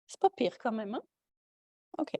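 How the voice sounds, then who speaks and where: A woman with a Quebec French accent, teaching a yoga class with calm step-by-step cues and light joking asides. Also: fairly high pitch, measured pace, dry recording. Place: yoga studio.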